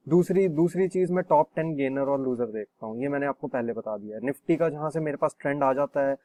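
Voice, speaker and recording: A man explaining intraday stock selection in a screen-share tutorial, pausing often with fillers and restarts. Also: mid-range voice, a little mellow, no room sound. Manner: hesitant, many fillers and restarts. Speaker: trading instructor.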